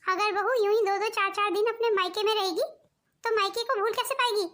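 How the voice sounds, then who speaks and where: A woman's voice: very high-pitched, steady tone, a little fast, pushed and bright. A woman voicing a strict, controlling middle-aged mother-in-law in a cartoon, bossy and lecturing. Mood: scolding. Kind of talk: cartoon voice acting.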